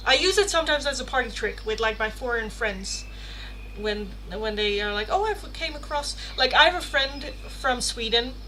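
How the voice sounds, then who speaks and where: Speaking at a normal speed in a slightly high voice, a native Dutch woman from the Netherlands runs a live tarot stream full of chatty, expressive talk and playful cursing. Background noise is clearly audible on this rough recording.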